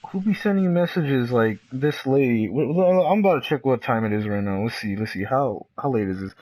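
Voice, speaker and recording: A man's voice: mid-range voice, expressive, darkish tone, dry recording, rough recording. Joking man cohosting a late-night chat. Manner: joking, teasing, quick to laugh. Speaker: podcast co-host. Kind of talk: late-night casual chat between friends.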